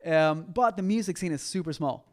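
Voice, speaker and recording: A man's voice: a little high, fairly quick. A young man from Costa Rica, a guest musician chatting casually, full of fillers and "like". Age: young adult. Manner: relaxed, filler-heavy, says like often. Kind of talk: casual chat.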